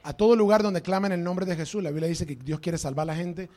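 A man's voice: high voice, fairly even intonation, fast, darkish tone. A male pastor preaching a sermon to a congregation in a church, emphatic and dropping into English phrases.

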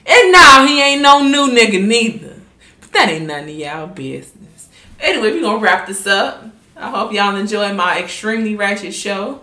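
A woman hosting a podcast from home, talking loud, blunt and full of slang. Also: mid-range voice, expressive, normal speed. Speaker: podcast host. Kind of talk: casual chat. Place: home room. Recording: echoey room.

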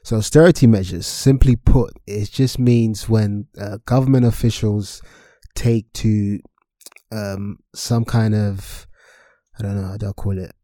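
A man co-hosting a finance podcast, explaining things with hesitant fillers and pauses while he searches for words. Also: lowish voice, steady tone, warm tone, dry recording, studio quality. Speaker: podcast co-host. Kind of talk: casual finance podcast chat.

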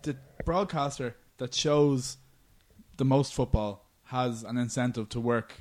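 A man's voice: medium pitch, a little slow. An Irish man hosting a podcast, chatting about sport in an informal, bantering way. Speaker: podcast host. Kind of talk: casual sports chat.

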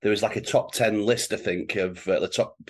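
A man's voice: lowish voice, steady tone, fairly quick. A man co-hosting a casual football podcast, wheezy and congested from flu, speaking hesitantly with frequent stammered restarts. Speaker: podcast co-host.

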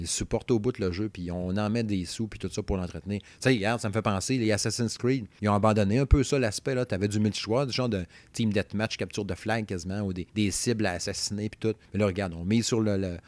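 Rambling Québécois man, low dry voice. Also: fast, a little mellow, no echo. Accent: Québécois French. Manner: rambling, chatty, full of fillers and "tu sais". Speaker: video game podcast host. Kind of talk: casual chat.

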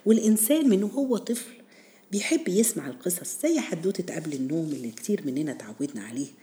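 Woman, Egyptian accent, low-pitched, soft dark tone, conversational religious storyteller, didactic, speaks straight to listeners. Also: lively intonation, quick pace. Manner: didactic, addresses listeners directly with rhetorical questions. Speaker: storyteller and host of a Ramadan series on Quran stories.

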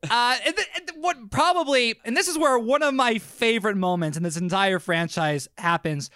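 A man co-hosting a casual movie-review podcast, talking excitably, swearing casually and often laughing. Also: very high voice, normal speed, clear, resonant tone, dry recording. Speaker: podcast co-host.

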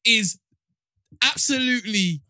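High-voiced London roadman, male, sharp and slangy, cross-examining mates in disbelief. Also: takes it slowly. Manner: roadman street slang delivery. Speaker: actor. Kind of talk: casual banter, questioning.

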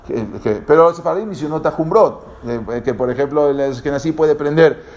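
A man's voice: a little high, darkish tone, highs cut off. A man giving a lecture, hesitant and full of fillers and restarts, explaining things directly to his listeners. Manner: halting, many fillers and repeated restarts.

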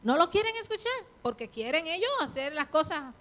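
A woman in middle age delivers a sermon in a high-pitched voice. She urges her listeners on and asks them questions directly. Every so often she acts out the quoted words of other people. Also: big pitch swings, a little fast, fairly bright tone. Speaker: preacher.

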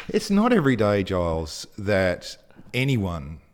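A man with a lowish voice talks slowly but with huge swings in pitch. He's co-hosting a casual podcast chat, speaking enthusiastically and gushing until he gets breathless at times.

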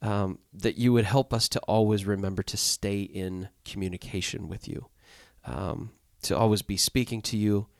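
A man's voice: lowish voice, steady tone, moderate pace, vocal fry, hardly any pauses, no echo, studio quality. A man hosting a podcast, leading an earnest closing prayer and sign-off in a stuffy, nasal voice. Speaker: podcast host.

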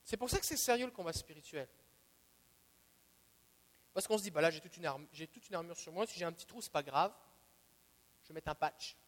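A preacher with a Quebec French accent teaches a Bible sermon, emphatic and repeating key phrases as he swings between soft asides and loud declarations. His voice is a little high and brisk, he pauses often, and the sound suggests a big room.

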